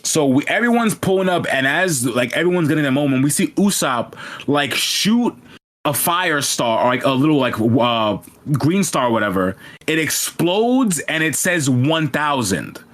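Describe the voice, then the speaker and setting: A man from New York co-hosting a podcast, talking in a casual, excitable way, full of slang and swearing. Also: a little high, normal speed. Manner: excitable, slangy, swears freely, laughs often. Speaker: podcast co-host. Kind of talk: casual chat.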